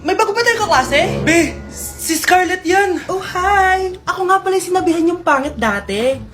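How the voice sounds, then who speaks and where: A young woman acting out comic story skits in a lively voice, playing every part herself. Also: extremely high pitch, normal speed, over music. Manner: lively, switches between characters. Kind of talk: acted POV skits, playing all parts.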